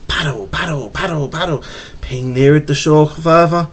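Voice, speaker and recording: A man with a fairly high, husky voice reads a children's picture book aloud to his child in an unhurried way as a bedtime story. He stumbles over words and repeats them with a stutter, recorded on a webcam microphone at home.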